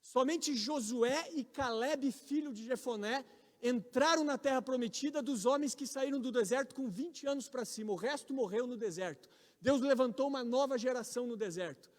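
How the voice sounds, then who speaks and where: A Brazilian man in his forties, a pastor, preaching a sermon with emphatic, loud peaks on key words. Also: very high voice. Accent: Brazilian Portuguese. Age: 40s. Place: large church hall. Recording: reverberant church hall.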